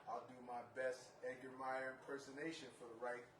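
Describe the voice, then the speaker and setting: A man talking casually between songs on a live stream, relaxed and rambling, with many fillers and restarts. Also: medium pitch, a little fast, crowd noise. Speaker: jazz bassist. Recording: roomy, distant mic with faint noise.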